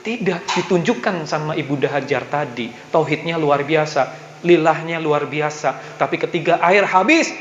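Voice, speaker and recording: A man's voice: medium pitch, a little hiss or hum. A man giving a rousing religious business motivation talk in a mosque, asking the audience questions. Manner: rousing, asks the audience questions, acts out prayers. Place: mosque hall. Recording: echoey, dull hall recording.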